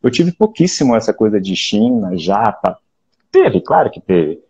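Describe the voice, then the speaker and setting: A Brazilian actor in his late forties from Rio de Janeiro with a Carioca accent, talking in a relaxed, reflective way over a video call, often restarting and adding "né?". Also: on the low side, normal speed, breathy edge, lo-fi sound. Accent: Carioca Portuguese. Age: late 40s. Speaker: actor, interview guest. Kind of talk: casual interview chat.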